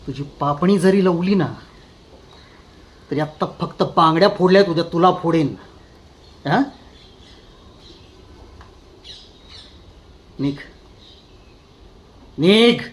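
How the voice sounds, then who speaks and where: A cruel, controlling husband, played by a man in a dramatic monologue. He talks with slow, deliberate menace in a fairly high voice, his soft taunting breaking now and then into sharp outbursts. Every word feels like a threat. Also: slight background noise. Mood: menacing. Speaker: actor in an audition.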